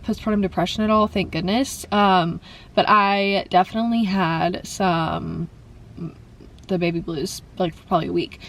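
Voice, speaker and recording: Chatty young woman, lowish voice. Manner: rambling, fills with "like" and "um". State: slightly congested. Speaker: vlogger. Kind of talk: chatty Q&A vlog.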